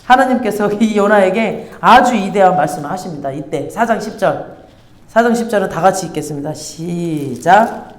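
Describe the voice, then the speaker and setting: A woman pastor preaching a sermon in a lively, teasing, conversational way, acting out scenes for her congregation. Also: on the low side, moderate pace. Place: church hall. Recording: roomy church hall echo.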